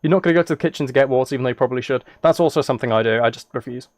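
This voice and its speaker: A man with a medium-pitched voice talks in rapid-fire bursts, recorded dry, as he livestreams a video game and hosts casual chat with his viewers. He's playful and teasing, often wandering into rambling asides. The recording is clear, with keyboard typing and clicks audible in the background.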